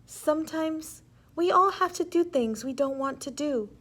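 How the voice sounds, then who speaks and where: A woman voicing a gentle mother raccoon in a storybook, tender, soothing and coaxing. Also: high-pitched, lively intonation, measured pace, voice pushed up. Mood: gentle, encouraging.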